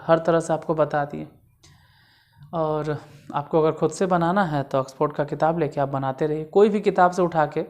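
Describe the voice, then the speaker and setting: Woman, lower voice; informal grammar tutor who drills examples. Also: a little mellow. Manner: explains step by step, repeats examples. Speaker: English grammar teacher. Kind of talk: casual classroom lesson.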